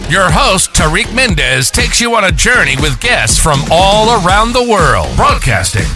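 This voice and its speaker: Slow announcer over loud music. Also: female voice, lowish voice, sing-song. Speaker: show announcer. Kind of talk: recorded podcast intro over music.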